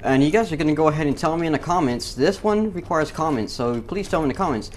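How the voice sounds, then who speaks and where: A man's voice: on the high side, lively intonation, quick pace, slight background noise. A man, a gaming YouTuber, talking casually over gameplay in a rambling, profane way with lots of fillers.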